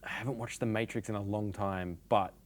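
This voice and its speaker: An Australian man co-hosting a casual chat, easygoing and quick to laugh. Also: lowish voice, steady tone. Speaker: podcast co-host.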